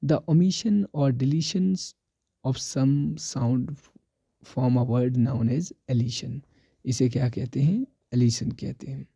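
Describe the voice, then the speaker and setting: A man's voice: medium pitch, creaky, warm tone, breathy edge, dry recording. A man teaching an exam prep lesson, mixing English terms into his explanations and repeating the key answers.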